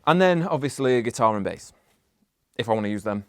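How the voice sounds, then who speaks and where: In a casual studio vlog, a young male music producer rambles about his process in his home studio, dropping "like" constantly. His voice sits at medium pitch and moves at a quick pace, relaxed and with no echo.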